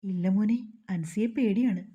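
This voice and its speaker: A woman reading the part of a gentle, doting elderly grandmother in a soft, tender manner. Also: mid-range voice, a little slow, husky, muffled recording.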